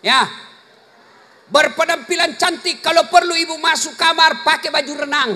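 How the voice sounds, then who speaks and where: Before a live congregation in a large hall or mosque, a male preacher teases and jokes through his sermon, moving from quiet asides to shouted punchlines. His voice is extremely high and his pace moderate. The live recording is noisy, with long reverb and faint crowd sounds.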